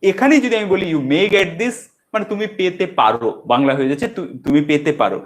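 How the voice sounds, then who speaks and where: Guy teaching spoken english, kinda high voice, slows way down on the english examples. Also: big pitch swings. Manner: explains in Bengali, says English examples slowly and deliberately. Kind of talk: bilingual language lesson.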